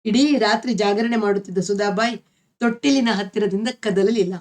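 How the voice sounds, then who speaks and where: A woman storyteller reading a novel aloud in a steady, even manner. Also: medium pitch, moderate pace.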